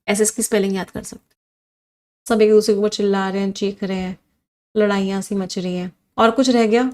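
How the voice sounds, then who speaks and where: A woman with an Indian accent teaching English vocabulary in a live online class, listing synonyms and reading out student comments. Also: mid-range voice. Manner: animated, reads comments and drills synonyms with students.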